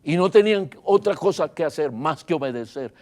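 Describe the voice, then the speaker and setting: A pastor preaching a sermon, emphatic and dramatic, swinging between loud and soft and repeating phrases for emphasis. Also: male voice, lively intonation, a little fast. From Guatemala. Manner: emphatic preaching with wide swings in loudness and pitch.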